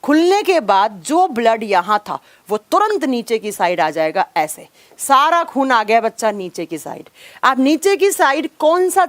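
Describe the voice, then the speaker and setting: A woman's voice: a little high, very animated, unhurried, no room sound. A young woman teacher, lecturing a live online class on biology, repeating key terms and sharply scolding impatient students.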